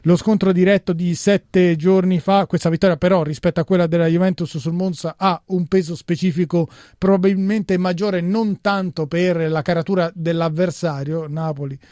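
A man's voice: high voice, steady tone, normal speed, hardly any pauses, dark tone, dry recording. A man presenting a football round-up, going through results and match reports as a studio presenter. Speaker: sports radio presenter.

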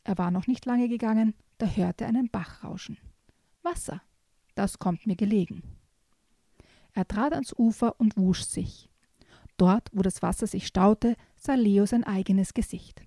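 A woman reads a children's tale aloud, calm and measured. Her voice is mellow and slightly gravelly, recorded dry and close with no room sound. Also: mid-range voice, no echo. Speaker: podcast guest reading a children's book. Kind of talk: reading a storybook aloud.

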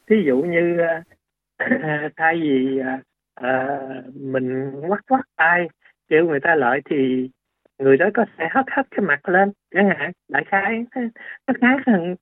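A man's voice: a little high, dry recording. Male doctor over a phone line. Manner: hesitant, many fillers and restarts. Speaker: doctor guest. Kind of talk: radio health interview. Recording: tinny phone-like radio line.

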